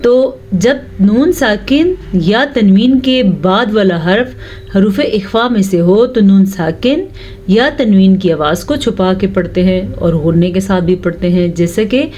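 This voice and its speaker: Slow, patient woman teaching recitation. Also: mid-range voice, animated, darkish tone, a little hiss or hum. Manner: patient, repeats sounds to correct them. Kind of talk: tajweed lesson.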